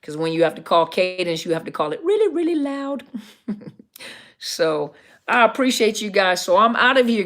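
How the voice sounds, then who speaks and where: A middle-aged woman who works as a counselor chats casually with viewers on a live stream. Her voice is deep, scruffy and gravelly yet fairly bright in tone, and she rambles, often correcting herself with lots of ums.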